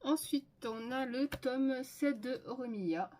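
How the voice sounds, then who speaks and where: Taking it slowly in a high-pitched, slightly mellow voice, a woman from France runs through her manga purchases for a haul video. She's casual and enthusiastic, listing items with plenty of fillers, over slight background noise.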